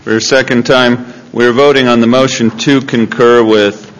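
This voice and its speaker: A man chairing a legislative session reads formal procedural announcements at a steady mid pitch. His voice carries a long reverb through a large chamber. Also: normal speed. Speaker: presiding speaker of the house.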